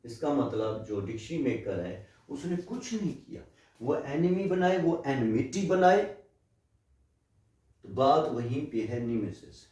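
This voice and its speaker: A man lecturing on linguistics, explaining patiently and posing questions to his listeners before answering them. His voice is dark and mellow. It comes from well back from the mic in a very echoey room. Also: mid-range voice, sing-song, a little slow, far from the mic. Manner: explanatory, asks rhetorical questions and switches into English phrases.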